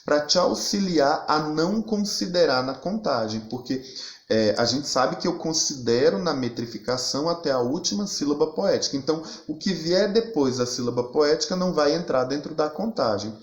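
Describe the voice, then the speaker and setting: Teacher explaining step by step. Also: male voice, on the high side, moderate pace, reverberant. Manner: explains step by step, repeats and restarts phrases. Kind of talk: recorded video lesson.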